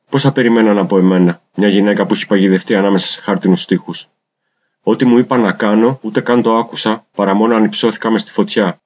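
A man reading translated poems aloud in a measured, deliberate recitation. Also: fairly low pitch. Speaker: poetry reader. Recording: dull lo-fi recording.

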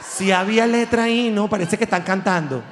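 Animated Venezuelan comedian man. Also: a little fast, a faint crowd, a little hiss or hum. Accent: Venezuelan Spanish. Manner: animated, swings into high mock voices, profane. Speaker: comedian host. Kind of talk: stand-up comedy monologue. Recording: long hall reverb.

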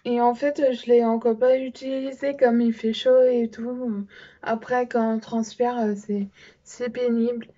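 A woman's voice: fairly high pitch, flat delivery, a little slow, dark tone, dull audio. A young French-speaking woman presenting makeup in a casual vlog, hesitant with many fillers. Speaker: beauty vlogger. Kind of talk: casual show-and-tell vlog.

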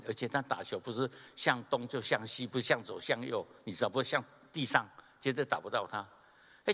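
A male pastor preaches in a lively, storytelling way, chuckling and acting out the people in his stories. His voice is bright and forceful, and it rings with the long reverb of a church hall during a Sunday service. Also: mid-range voice. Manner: animated storyteller, chuckles, acts out quoted people. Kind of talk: sermon with humorous storytelling.

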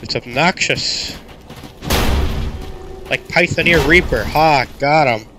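A man's voice: a little high, slow, background noise. Sick, coughing man chatting over gameplay. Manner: rambling, self-deprecating. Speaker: gaming channel host. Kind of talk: casual gameplay commentary. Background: loud game music.

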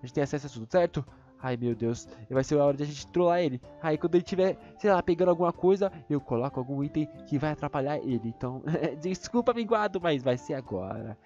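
A man with a Brazilian Portuguese accent giving excited gameplay commentary, prone to high squealing outbursts. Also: quick pace, muffled recording, soft background music. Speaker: gaming video creator.

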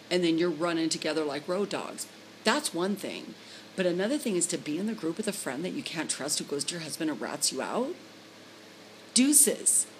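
A middle-aged trucker's wife rants bluntly and profanely into a phone camera held close, indoors in a room at home. Her voice is deep, and the low-quality recording carries a little hiss or hum.

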